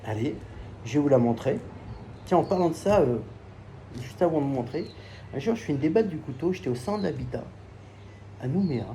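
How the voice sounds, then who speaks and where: A man's voice: fairly high pitch, animated, brisk, long pauses, warm tone, a little hiss or hum. A man from France telling crude, joking anecdotes about selling knives in a casual vlog, swearing often. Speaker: knife seller. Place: at home by a pool.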